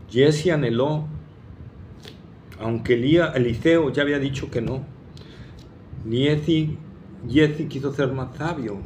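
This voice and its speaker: A man's voice: on the high side, slight background noise. A man preaching a sermon, emphatic and full of rhetorical questions to the congregation.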